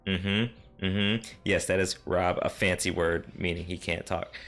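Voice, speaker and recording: Low-voiced man rambling through a game recap. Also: steady tone, measured pace, a bit bright, faint music behind. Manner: rambling, self-correcting. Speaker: game master. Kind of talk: casual session recap.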